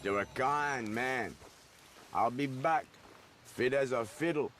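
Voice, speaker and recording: An actor playing a folksy, polite stranded wagon driver in a video game. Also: male voice, mid-range voice, slow pace, fairly bright tone, a little hiss or hum. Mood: friendly.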